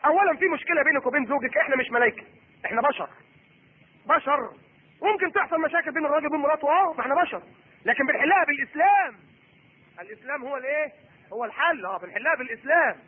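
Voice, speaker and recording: A middle-aged man preaching a sermon in an Egyptian Arabic accent. He is animated and acts out the voices of husband and wife. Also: extremely high pitch, racing. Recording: husky voice on tinny phone-like recording.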